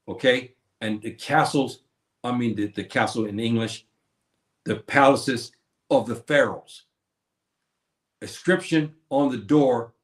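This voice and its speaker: A mid-range male voice, sounding roomy, comes through a streaming setup as the host delivers a sermon-like history lecture. He keeps asking questions and answering them himself.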